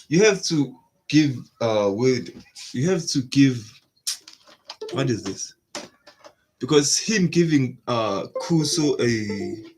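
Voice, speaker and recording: A young man hosting an anime reaction, chatting casually in slang and breaking into excited bursts. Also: mid-range voice.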